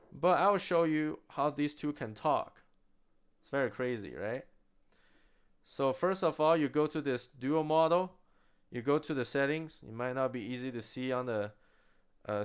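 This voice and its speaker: This product demonstrator has a smooth, resonant voice of fairly high pitch and walks through a casual demo in an easygoing, talkative manner. He repeatedly answers his own questions and laughs softly along the way, on a slightly dull, lo-fi recording.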